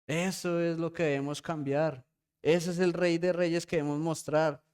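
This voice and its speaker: A male pastor delivers a sermon to his church, speaking in a somewhat high register. His voice is smooth and resonant. He keeps pausing to ask the congregation a quick "yes?" and addresses them as brothers. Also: level tone, a little mellow. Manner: preaching with frequent rhetorical "¿sí?" checks.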